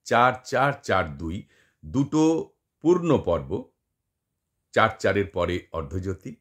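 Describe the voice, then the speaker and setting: A man's voice: mid-range voice, fairly bright tone. A man giving a lecture, explaining step by step, repeating examples and asking his listeners rhetorical questions. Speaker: teacher. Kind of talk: lecture on Bengali poetic meter.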